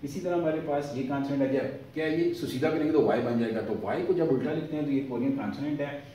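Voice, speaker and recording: A man with a dark, mellow voice teaches the alphabet step by step, asking a question and then answering it himself. He stretches each example word slowly as he repeats it. He sounds set back from the mic in a very echoey room with a faint hiss. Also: mid-range voice. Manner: slow, drawn-out repetition of example words. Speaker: language teacher. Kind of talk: explaining the alphabet. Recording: echoey, from far off, faint noise.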